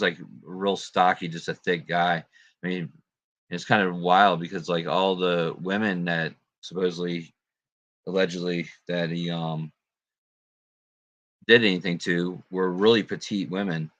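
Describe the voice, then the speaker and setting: In a laid-back livestream, a male host greets viewers and chats, with plenty of fillers and laughs. His voice is deep yet a bit bright, captured in a dry recording.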